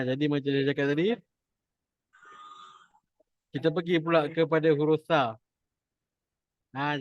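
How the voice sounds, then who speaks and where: A man with a Malaysian Malay accent teaching Quran recitation online, demonstrating sounds slowly and repeating them for students. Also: on the high side, no echo, dull audio. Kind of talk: online class instruction.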